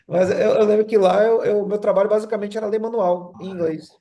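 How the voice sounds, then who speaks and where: With a high, mellow voice and fairly even intonation, a middle-aged man talks at a moderate pace in a casual group chat. Originally from Rio but brought up in Salvador, Brazil, he has a Bahian accent mixed with São Paulo speech, and his rambling story is full of "né?" after nearly every phrase.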